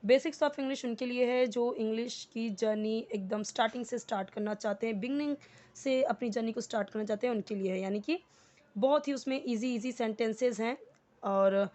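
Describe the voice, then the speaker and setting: A woman with an Indian accent teaching English step by step, patiently explaining each word and reading the English lines slowly. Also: a little high, a little mellow. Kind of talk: step-by-step language lesson.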